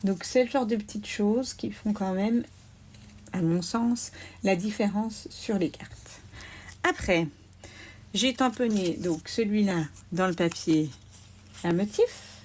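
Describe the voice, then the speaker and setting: A woman calmly explaining a card-making craft step by step, with little asides as she works. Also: mid-range voice, slight background noise. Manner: slow, explaining each step aloud, small "hop" asides. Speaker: craft demonstrator.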